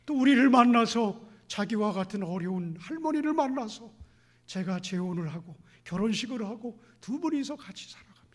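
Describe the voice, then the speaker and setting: A male pastor delivers an evening sermon in a fairly high, husky voice. He questions the congregation and answers his own questions. His delivery swings between hushed near-whispers and loud, ringing exclamations. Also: expressive, normal speed.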